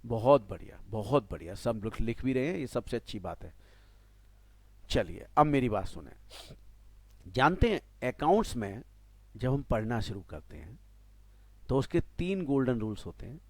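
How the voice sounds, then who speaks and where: Animated Indian man teaching tax. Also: medium pitch, moderate pace, long pauses, no echo. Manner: animated, mixes Hindi and English, asks students "clear?". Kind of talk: classroom lecture.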